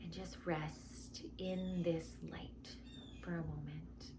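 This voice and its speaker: A woman guiding a meditation in a soft, hushed near-whisper, gently and with long pauses. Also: on the low side, steady tone, noisy background. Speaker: meditation guide.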